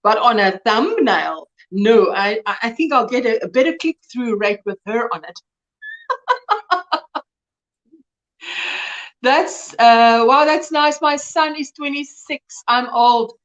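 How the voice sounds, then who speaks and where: Lively, chatty woman in her fifties. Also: a little high, slow, long pauses, lo-fi sound. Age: 50s. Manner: chatty, reads and answers viewers' comments, laughs often. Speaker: host of a live crochet chat. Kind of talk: casual live-stream chat.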